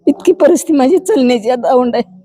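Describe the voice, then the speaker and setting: A woman's voice: high voice, animated, fast talker, dark tone. An elderly woman, crying as she tells an interviewer about her hard life in an old age home. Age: older. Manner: tearful, pleading rural speech. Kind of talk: emotional interview testimony.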